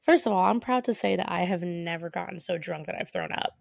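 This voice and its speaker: A young woman chats on a podcast with a gravelly, creaky edge to her voice. She speaks earnestly and emphatically and laughs often. The recording is dry and close. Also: fairly low pitch, a little fast, dry recording. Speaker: podcast co-host. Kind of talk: casual chat.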